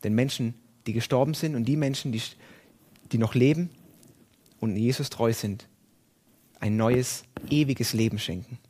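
A man's voice: mid-range voice, normal speed, long pauses, a little mellow. A man preaching a sermon and reading Bible passages aloud, with emphatic, rising and falling delivery.

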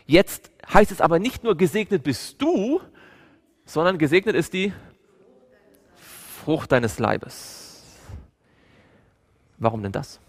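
A man's voice: on the high side, slow, pauses often. German-speaking preacher man in a reverberant hall. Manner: asks the audience questions, animated storytelling. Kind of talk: Bible study sermon.

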